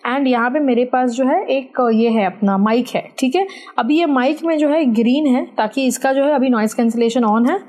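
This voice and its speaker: A woman's voice: high voice, normal speed, a little mellow. A young woman chatting casually as she reviews a microphone, explaining things step by step and mixing English phrases into her talk, recorded on a lapel mic indoors. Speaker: content creator reviewing a microphone. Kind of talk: casual product review vlog. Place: indoor room with fan and AC running. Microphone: wireless lapel mic.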